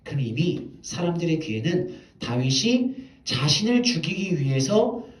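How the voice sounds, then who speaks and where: A man's voice: on the high side, very animated, unhurried, far from the mic. Man preaching in an echoey hall. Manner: storytelling, dramatic shifts between hushed and loud. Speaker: pastor. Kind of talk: Sunday sermon. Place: church.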